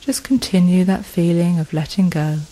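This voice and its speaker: A woman leading a guided progressive muscle relaxation, speaking in a slow, soothing manner with long pauses. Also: fairly low pitch, steady tone, mellow, rough recording.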